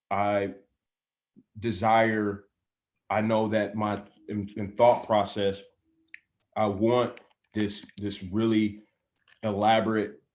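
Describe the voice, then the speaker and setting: A man in his thirties speaks in a slightly low voice, feeling his way through his thoughts with many restarts and fillers. His talk is relaxed and conversational, and he laughs easily. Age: 30s. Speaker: class participant. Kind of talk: casual group discussion.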